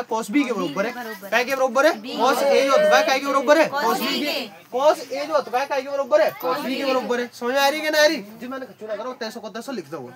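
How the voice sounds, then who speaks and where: High-pitched woman drilling students in a noisy classroom. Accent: Western Uttar Pradesh Hindi dialect. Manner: repetitive call-and-response questioning in a rural dialect. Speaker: math teacher. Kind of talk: classroom tutoring lesson. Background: students chattering.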